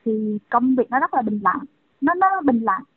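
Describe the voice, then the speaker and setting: A woman doctor in her thirties calls in and answers earnestly, in a chatty way with lots of small fillers. Her fairly high voice comes through a tinny, dry phone line. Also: lively intonation, normal speed, slightly rough, no echo. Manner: earnest, conversational, many fillers. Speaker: young doctor guest. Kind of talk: phone interview. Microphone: telephone.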